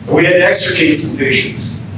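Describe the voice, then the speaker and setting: Talking fairly quickly, a male American keynote speaker from Minnesota, an emergency physician, runs an interactive, informal training lecture for firefighters and often puts questions to his audience. Expect very echoey room sound, a far-off mic and a rumble.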